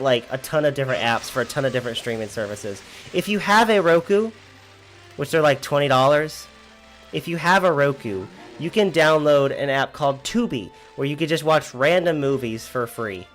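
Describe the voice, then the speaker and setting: A man's voice: on the high side, lively intonation, normal speed, a bit bright, faint music behind. A man in his twenties chatting casually on a gameplay livestream, rambling and laughing often as he reads chat. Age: 20s.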